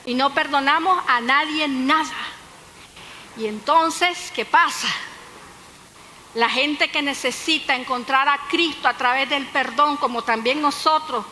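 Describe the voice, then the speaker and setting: Woman pastor preaching, high bright voice, lively storyteller, echoey church hall with faint noise. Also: measured pace. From Nicaragua. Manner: lively storytelling with humor and asides to the congregation. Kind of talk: sermon.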